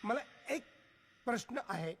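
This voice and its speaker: An actor playing a fussy, confused middle-aged uncle who keeps questioning, in a comic film. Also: male voice, very high voice, lively intonation, measured pace, gravelly, breathy edge, heavily acted. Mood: bewildered. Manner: bewildered, insistent questioning.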